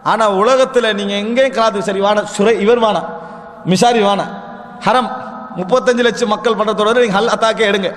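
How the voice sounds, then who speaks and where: A man's voice: high-pitched, steady tone, normal speed, fairly bright tone. A man gives an Islamic lecture. He addresses his listeners as brothers and poses rhetorical questions, then answers them himself. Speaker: Islamic preacher. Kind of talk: religious lecture. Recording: long hall reverb.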